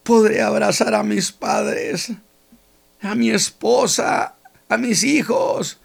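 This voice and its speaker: A preacher acting out a healed male leper who shouts his joy and repeats himself. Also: high voice, slow, creaky, voice pushed up, heavily acted. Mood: exultant. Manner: exultant, shouting, repeating phrases.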